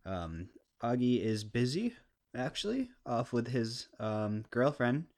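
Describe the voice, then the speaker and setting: A man with a harsh stoner skater voice, rambling casually and unscripted through a solo podcast with crude, self-deprecating humor, clearly recorded on a podcast mic. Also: medium pitch, big pitch swings, slow, darkish tone. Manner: laid-back, rambling and unscripted. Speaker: podcast host. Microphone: podcast microphone, clean close sound.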